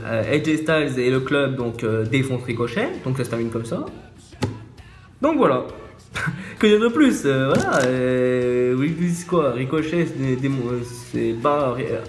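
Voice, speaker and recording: A man casually recapping a wrestling show, hesitant, with many fillers and restarts, recorded on a phone. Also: medium pitch. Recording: echoey room, faint music.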